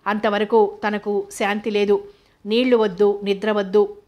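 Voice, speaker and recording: A woman narrating an audio novel in a steady, measured reading voice. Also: medium pitch.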